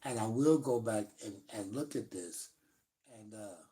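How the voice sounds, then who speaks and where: A man's voice: a little slow, dark tone. Easygoing male host, volume dropping in and out. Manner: easygoing, repeats short phrases. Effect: volume dropping low and surging back in and out. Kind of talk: casual live-stream chat. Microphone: phone. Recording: distant phone-call audio cutting in and out.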